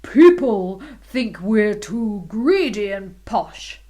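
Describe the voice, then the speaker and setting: A bellowing, pompous storybook king, put on by a woman reading aloud to small children. He speaks loudly and slowly, with a lively rise and fall. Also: medium pitch. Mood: earnest. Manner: loud, bellowing. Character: booming pompous king, middle-aged man.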